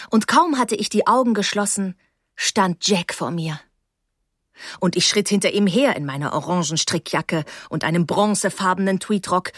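A woman narrating a first-person novel as an audiobook, calm and wry. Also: on the low side, husky, no echo, studio quality.

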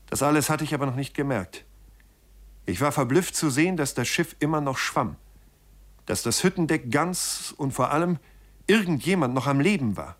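Guy reading a sea adventure audiobook, middle pitch, measured and dramatic, talks right to the listeners. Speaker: narrator. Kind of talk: audiobook reading of a first-person sea tale.

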